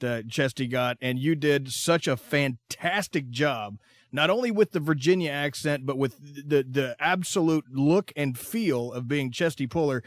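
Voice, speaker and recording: A man's voice: mid-range voice, no room sound. A male radio host asking questions in an enthusiastic, jokey way. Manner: enthusiastic, jokey, laughs often. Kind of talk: casual interview chat.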